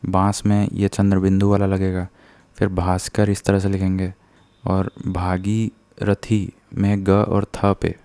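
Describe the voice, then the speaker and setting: A man's voice: deep voice, mellow, dry recording. A man teaching correct spelling step by step in a patient, explanatory way. He often stops to correct himself.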